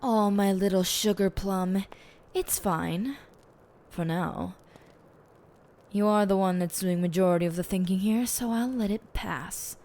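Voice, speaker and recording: In an audio roleplay, a woman with a medium-pitched, slightly mellow, natural voice plays a smug, theatrical lead detective who is teasingly bossy, her phrasing pompous and deliberate.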